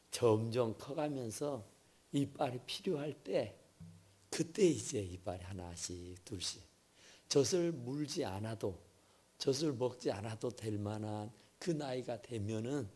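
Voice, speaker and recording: Man, pastor, sermon in a church, slow delivery, husky voice, lively rise and fall. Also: lowish voice. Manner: storytelling with sudden loud and hushed swings. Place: church sanctuary.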